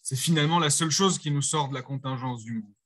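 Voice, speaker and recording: A man's voice: fairly high pitch, quick pace, fairly bright tone. A man in a class discussion who thinks aloud and asks the teacher searching questions. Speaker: student.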